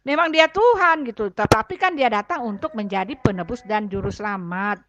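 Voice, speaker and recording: A woman's voice: medium pitch, brisk, a bit bright, lo-fi sound. A woman serving as a church elder, chatting through scripture and thinking aloud while she hunts for Bible verses. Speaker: church elder giving testimony. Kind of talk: casual scripture explanation.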